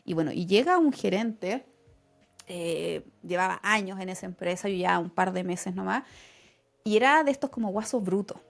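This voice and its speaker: A woman's voice: medium pitch, normal speed, vocal fry. A young woman with a Chilean accent, co-hosting a casual podcast and telling a personal story, acting out the lines she quotes with laughter. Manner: animated, acts out quotes with laughter. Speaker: podcast co-host.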